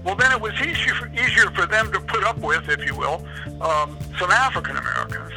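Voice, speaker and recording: A man's voice: sits high, brisk, pushed and bright, faint music behind, poor audio. A man, an author and historian, answering interview questions in a rambling, digressive way.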